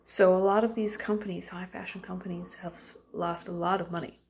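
A woman teacher giving an informal recorded lesson from home. She talks in a loose conversational way, asking her students questions and often pausing on um and uh. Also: on the low side, fairly even intonation, a little mellow, a little hiss or hum.

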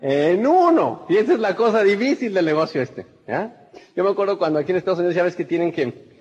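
High-voiced Mexican man in an echoing hall. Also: fast. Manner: animated, acts out little scenes, frequent "¿verdad?" and "¿me entiendes?". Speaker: network marketing trainer. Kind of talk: motivational seminar talk. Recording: muffled, husky sound with long hall reverb.

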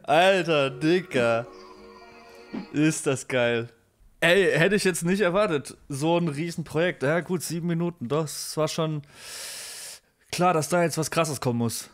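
A man's voice: on the high side, a little slow, faint music behind. Enthusiastic slangy man. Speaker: guest. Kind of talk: casual reaction chat.

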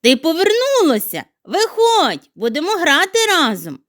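A woman's voice: very animated, a little slow, fairly bright tone, exaggerated voice. A woman voicing a playful, teasing little girl snowflake in a children's audio tale. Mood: calling gaily. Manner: high, bubbly, teasing calls.

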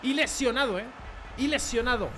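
A man giving excitable gameplay commentary from his bedroom at home, with loud outbursts, swearing and repeated catchphrases. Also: very high-pitched, normal speed, over music. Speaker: gaming streamer.

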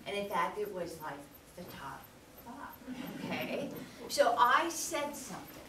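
A woman's voice: medium pitch, a little slow. Woman lecturing in an echoey hall. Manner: animated, checks in with the audience by asking "okay?". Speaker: guest speaker. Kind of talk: storytelling lecture. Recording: echoey hall, distant mic, background noise.

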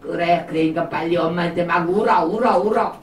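A low, sneaky spirit of mischief murmurs temptations, as a woman puppeteer puts it on. It talks in a sly, egging tone, and the sound is echoey and a little distant, with faint background noise. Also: brisk, natural voice. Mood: sly coaxing. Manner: sly, whispering persuasion, egging on. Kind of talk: live puppet show for preschoolers. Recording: roomy, distant live room recording.

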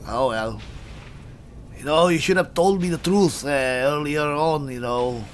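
A man's voice: on the high side, unhurried, a little hiss or hum, lightly acted. A man voicing a blunt, simple, easygoing barbarian adventurer in a video game role-play, casual and folksy, often ending questions with "eh". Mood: mildly reproachful. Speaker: player of the game. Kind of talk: in-character video game playthrough.

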